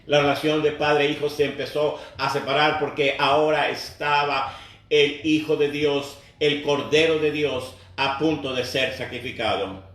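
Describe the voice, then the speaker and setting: A man's voice: a little high, steady tone, a little slow, a bit bright. Echoey, distant preaching man. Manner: earnest, repeats phrases and addresses the congregation directly. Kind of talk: sermon. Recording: very echoey, voice far from the mic.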